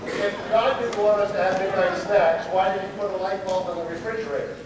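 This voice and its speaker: A man's voice: sits high, steady tone, fairly quick. Man speaking on an old VHS tape. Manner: folksy, with jokes and repeated slogans. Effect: old VHS home video recording. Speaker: Hall of Fame inductee giving a speech. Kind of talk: motivational speech to students. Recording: echoey old VHS tape, distant and hissy.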